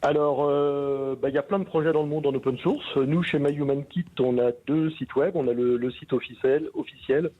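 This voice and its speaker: A man from France who founded an association, explaining things calmly in a radio interview. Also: a little high, moderate pace, few pauses, narrow, tinny audio. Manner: explanatory, easygoing.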